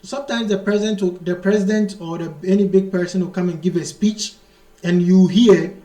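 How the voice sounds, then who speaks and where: A man teaching an Arabic grammar lesson, explaining slowly and repeating himself, reading the Arabic text out quickly before translating it. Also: sits high, steady tone, dark tone, reverberant. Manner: slow, repetitive explanation, mixing English with read-out Arabic.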